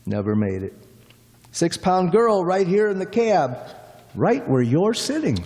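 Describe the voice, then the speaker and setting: A man's voice: high voice, big pitch swings, unhurried, a little mellow, exaggerated voice. A man doing a rambling folksy cab driver. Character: chatty, folksy middle-aged male cab driver. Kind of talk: radio play acting. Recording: long hall reverb.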